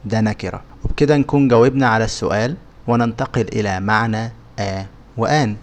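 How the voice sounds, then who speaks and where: A man with an Egyptian Arabic accent, teaching English words in a scripted lesson and pronouncing each example slowly and carefully. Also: on the low side, a little hiss or hum.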